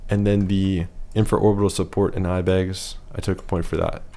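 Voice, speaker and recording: Male presenter with a deep, hoarse voice, for a plain analytical voice-over. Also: level tone, normal speed, warm tone. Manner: matter-of-fact, rating things one by one. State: losing his voice.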